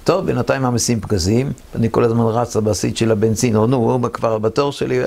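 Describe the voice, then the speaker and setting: A man's voice: medium pitch, steady tone, creaky, darkish tone. A man in his seventies from Israel, a veteran telling his war memories in an interview. He tells the story vividly and acts out what others said. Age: 70s.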